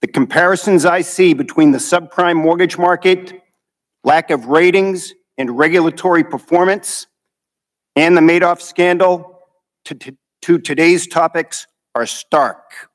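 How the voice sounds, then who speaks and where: A man's voice: on the high side, measured pace. A man reading a formal prepared statement at a hearing, carefully going through figures. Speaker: witness. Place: hearing room. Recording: hall reverb.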